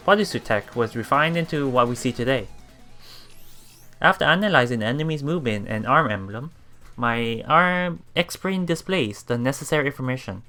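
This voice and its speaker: Over game music, a man reads visual novel text aloud for a let's play, halting and stumbling, repeating words and throwing in his own reactions. His voice is fairly high, bright, and forceful.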